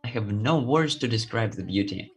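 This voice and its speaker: Event host, medium pitch, effusive delivery, live presenting style. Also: animated, normal speed, husky.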